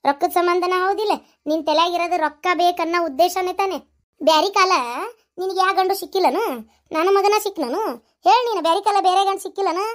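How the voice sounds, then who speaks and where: A woman voicing a sharp-tongued elderly mother-in-law in a cartoon story, with a North Karnataka Kannada accent, scolding and mocking. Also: very high voice, steady tone. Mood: accusing. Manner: scolding, mocking, rapid-fire accusations.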